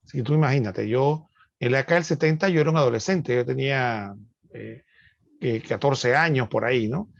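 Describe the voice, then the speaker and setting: A man, co-hosting a casual chat and pausing often with hesitant fillers. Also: mid-range voice, creaky, no room sound, dull audio. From Panama. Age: 50s. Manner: conversational, hesitant with many "eh" fillers. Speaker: co-host.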